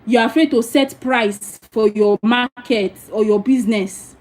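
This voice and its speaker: Nigerian lady talking to her viewers, blunt and animated, mellow tone, pitched a bit high. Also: a little slow, rough recording. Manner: animated, frank, preachy, with asides to viewers. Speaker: spiritual teacher. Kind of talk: casual livestream talk.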